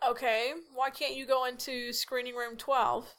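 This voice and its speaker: A woman's voice: a little high, level tone, a little slow, a bit bright. A woman playing a radio call-in show host, casual and skeptical with her callers. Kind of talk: late-night radio call-in acting.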